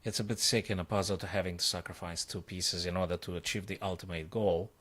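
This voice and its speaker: A man working as a chess coach, solving puzzles live on a stream. He thinks aloud, breaks into excited exclamations and repeats himself as he talks. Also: deep voice, fast.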